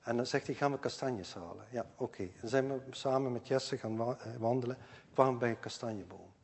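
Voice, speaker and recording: Older male preacher, husky voice, earnest and repetitive, long hall reverb. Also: medium pitch, brisk. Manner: earnest, repeats key phrases, swings between loud stresses and quiet asides. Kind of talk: sermon.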